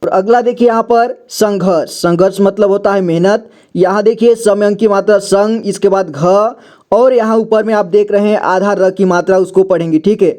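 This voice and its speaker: High mellow voiced guy teaching reading, says each word twice, slow and patient. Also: fairly even intonation. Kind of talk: slow spelling-out reading lesson.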